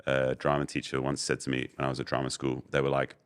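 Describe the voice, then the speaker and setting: A young man with a strikingly deep, low voice talks as a guest on a podcast. He tells relaxed, candid stories and leans on plenty of fillers as he goes. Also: fast talker, clear, resonant tone. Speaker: guest, voice-over artist and agency owner. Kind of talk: casual podcast interview.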